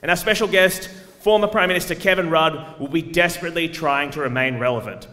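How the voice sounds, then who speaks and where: A man's voice: on the high side, a little fast, sharp tone. A man giving a sarcastic, swearing stand-up comedy debate speech in a large hall. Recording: echoey hall, live audience.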